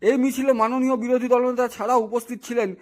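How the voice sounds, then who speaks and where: A male news reporter giving a formal, steady on-location report. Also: very high voice, quick pace.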